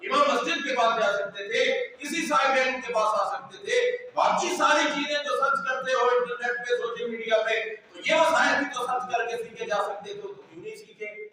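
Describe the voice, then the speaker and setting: A man giving a sermon as an Islamic scholar, emphatic, at times shouting or drawing phrases out in a sung way. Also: very high voice, lively intonation. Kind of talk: sermon on prayer rules. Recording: echoey hall from far off.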